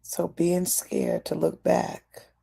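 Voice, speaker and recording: Gravelly low-pitched woman hosting a stream. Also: slow pace, mellow. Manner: preachy, asks the audience questions; casual, addresses listeners as y'all. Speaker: host. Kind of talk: livestream talk to an audience.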